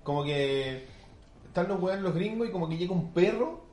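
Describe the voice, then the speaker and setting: A young Chilean man with a slightly high voice chats on a podcast, telling stories with lots of slang and acting out the quotes himself. The room is roomy and echoey around him. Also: moderate pace. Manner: animated storyteller, slangy, acts out quotes. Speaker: podcast host. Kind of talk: casual chat. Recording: roomy echo.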